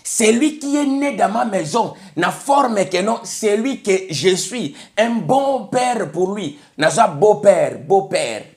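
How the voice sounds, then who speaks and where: Slowly yet with hardly any pauses, a Congolese man preaches an emphatic sermon in his high, animated voice. He has a Congolese French accent, alternates between French and Lingala, and repeatedly says "bien aimé le Seigneur."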